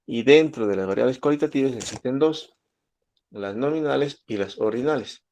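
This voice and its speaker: A man's voice: mid-range voice, normal speed, a little mellow. A man from Peru, teaching statistics and often checking in with his students. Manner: asks students questions, gives everyday examples. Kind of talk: lecture to students.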